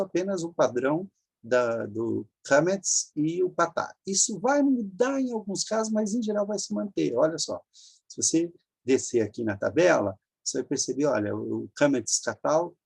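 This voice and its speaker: A man's voice: a little high, gravelly, a little mellow, slightly rough. A man teaching an online grammar lesson, patiently explaining step by step, repeating forms and checking in with the listener.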